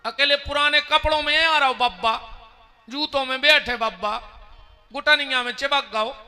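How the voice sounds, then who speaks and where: Bundeli-accented male preacher; very bright, unhurried delivery; faint music behind him in a reverberant hall. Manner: slow, high and bright voice, singing in drawn-out lines. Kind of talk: devotional sermon with sung bhajan. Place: large tent hall with a seated audience.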